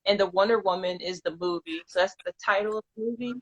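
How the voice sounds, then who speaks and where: A woman hosting a live podcast, reading out viewer comments in a relaxed way and laughing often. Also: mid-range voice, fast talker, muffled recording. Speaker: podcast host.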